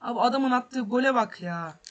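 A man's voice: very high-pitched, moderate pace, fairly bright tone, highs cut off. A man hosting a gaming channel, commenting on his football game as he plays, frustrated, swearing and repeating himself. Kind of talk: let's play commentary.

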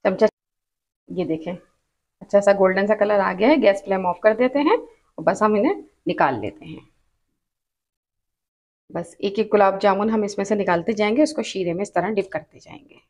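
A woman with a Pakistani Urdu accent talks viewers through a recipe at an easy, steady pace. She explains each step patiently and repeats her cautions so nobody misses them. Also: medium pitch, normal speed, long pauses. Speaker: cooking channel host. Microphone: off-camera voice over hands-only cooking shots.

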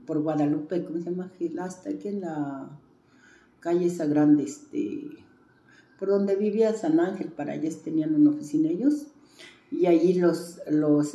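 A woman's voice: sits low, warm tone, reverberant. A woman with a Mexican accent, a traditional healer, telling a long story in an interview with many fillers and restarts.

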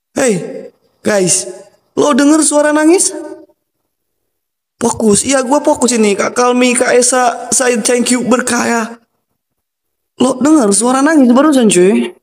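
High-voiced young man in an echoey hall. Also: slow pace, pauses often. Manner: jumpy, startled outbursts and whispered invocations. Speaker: horror livestream explorer. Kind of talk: casual live-stream narration with chanted summons. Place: empty abandoned building indoors.

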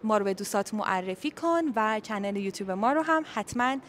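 A woman's voice: medium pitch, lively intonation, a bit bright, slight background noise. A young woman from Iran, an English teacher giving a casual video lesson, chatty and often checking in with "okay?". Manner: chatty, repeats "okay?" often, switches between Persian and English. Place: office with colleagues leaving.

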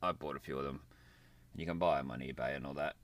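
With an extremely low pitch and fairly even intonation, the man talks quickly. He's a gadget reviewer doing a casual, unscripted, plain-spoken hands-on demonstration at an indoor desk near a computer.

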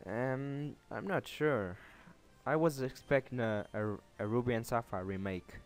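A man's voice: mid-range voice, a little slow, faint music behind. A young man co-hosting a game playthrough, answering briefly and casually. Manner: brief, laid-back replies. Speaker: co-host. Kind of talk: casual gameplay chat.

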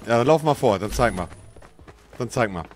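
A man in his thirties doing casual live gaming commentary into a close mic, with slangy swearing and frustrated exclamations, swinging between muttering and shouting. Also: medium pitch, lively intonation, normal speed, slight background noise. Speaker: livestreamer playing a video game. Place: small dim indoor streaming room. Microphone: close studio microphone on arm, headset.

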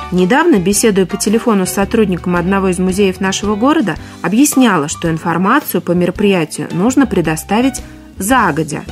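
A woman presenting a short broadcast segment on correct speech, in a clear, instructive and friendly manner. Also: on the low side. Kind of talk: scripted broadcast talk.

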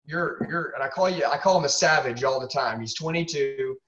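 A man's voice: on the high side, brisk, a bit bright. A man speaking as a sales trainer and host, giving emphatic, punchy motivational coaching and repeating himself for effect. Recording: distant mic, dull lo-fi sound.

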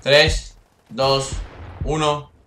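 A young man from Spain with a Castilian accent commentates live gameplay, swearing a lot and bursting into high yelps at kills and misses. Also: level tone, very slow, bright, forceful tone, echoey room, slight background noise. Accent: Castilian Spanish. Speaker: gaming youtuber.

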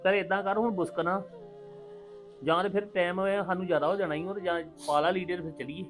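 A kindly father, played by a man, reassuring his daughter with homespun sayings in a quick, easy flow. Faint music plays underneath his voice. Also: high-pitched, steady tone, lightly acted. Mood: resigned. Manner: soothing, reassuring, folksy sayings. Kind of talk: family web drama acting.

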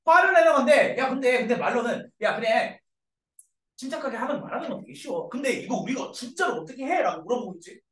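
Quick and sing-song at a medium pitch, the teacher goes over grammar with a middle school English class, restating every point and frequently checking on the students. The room echoes and the microphone is distant.

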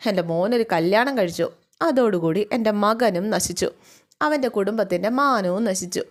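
A woman's voice: mid-range voice, normal speed, lightly acted. A woman voicing a scornful, mocking mother-in-law. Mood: sneering. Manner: mocking, contemptuous.

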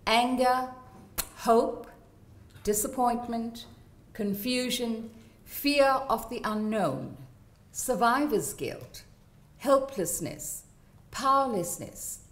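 A woman's voice: on the high side, expressive, takes it slowly, pauses often. A woman lecturer giving an academic talk, explaining and listing terms. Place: large lecture theatre.

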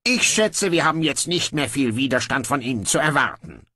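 Man doing Brocando, gruff sardonic king. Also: medium pitch, expressive, moderate pace, sharp tone, dry recording. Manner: gruff, grumbling, dry sarcasm. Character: sarcastic, weary, ruthless young male king.

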